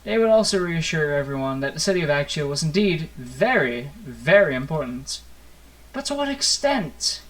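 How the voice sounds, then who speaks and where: A man with a slightly high, sing-song voice reads a visual novel aloud as a gaming host, moving at a moderate pace with a fairly bright tone. His narration is theatrical, playful and storybook-like, broken up by casual offhand asides. The low-quality recording carries plucked guitar game music behind him.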